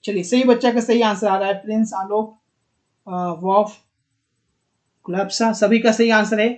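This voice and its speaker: A man's voice: high-pitched, steady tone, moderate pace, a little mellow. A man with a Bihari Hindi accent teaching an exam-prep lesson online, repeating words and coaxing students with questions.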